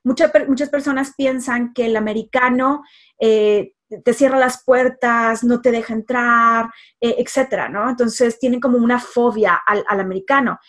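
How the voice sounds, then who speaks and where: A somewhat high-voiced woman recounts her own life as a life coach. She talks casually, repeats words for emphasis and fills pauses with "em" and "este". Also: steady tone. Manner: emphatic repetitions and frequent fillers. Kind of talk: personal life story told casually.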